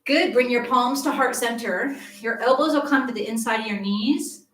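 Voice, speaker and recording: A woman's voice: a little high, normal speed, a bit bright, distant mic. A middle-aged woman leading a live movement class as a yoga instructor, encouraging and chatty as she coaches each pose, a little out of breath. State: slightly out of breath. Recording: echoey room, voice from off-mic.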